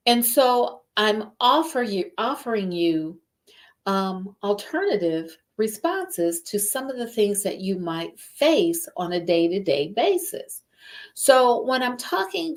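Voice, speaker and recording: A woman coach talks through a motivational podcast at a very unhurried pace. Her voice sits at a middling pitch, and she stacks up words and repeats points to drive them home. She keeps turning to the listener with quick check-in questions. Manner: slow, deliberate, repeats phrases for emphasis. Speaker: life coach hosting a live podcast. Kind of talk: motivational talk.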